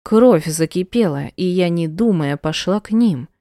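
Female audiobook narrator, mellow low voice, measured emotional storytelling. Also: animated, no echo, clean studio sound. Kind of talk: first-person audiobook narration.

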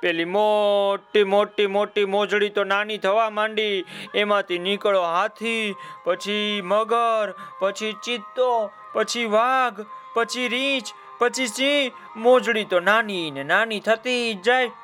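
Man telling kids' story, sing-songy and playful, high voice, soft music under. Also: fairly even intonation, slow pace. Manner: playful, sing-song, addressing children. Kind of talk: children's storytelling.

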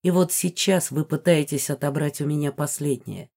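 A sorrowful, reproachful spirit woman from a fantasy audiobook, her voice held low and subdued, read by a woman. She sounds weary after centuries of captivity. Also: moderate pace, creaky, warm tone. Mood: mournful. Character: doleful spirit woman bound to a box.

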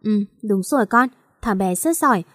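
A woman narrator voicing a caring, wealthy older mother who talks warmly and reassuringly to her daughter. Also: medium pitch, expressive, moderate pace, dry recording, clean studio sound, close to an everyday voice. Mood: fond.

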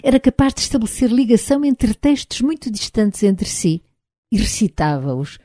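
A woman with a European Portuguese accent reading a novel aloud as an audiobook narrator, in a measured, even literary delivery. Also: fairly high pitch, dry recording, clean studio sound.

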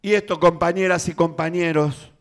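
A man with an Argentine accent giving a political rally speech as a union leader, in emphatic, declamatory phrases broken by deliberate pauses. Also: a little high, fairly even intonation.

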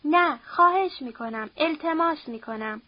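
Woman doing a desperate young widow begging through tears, high voice, dull dry sound. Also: lively intonation, dry recording. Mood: pleading. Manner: pleading, tearful, begging.

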